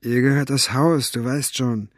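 A man's voice: fairly even intonation, unhurried, dry recording, natural voice. Man doing a secretive drifter from a storybook, muted, dry close sound. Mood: guarded. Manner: low, muted. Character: guarded, secretive male wanderer.

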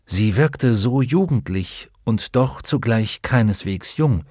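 A man's voice: mid-range voice, animated, slow pace, darkish tone, slightly rough, no echo. Man reading a storybook, dry close sound. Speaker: audiobook narrator. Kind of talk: scripted narration.

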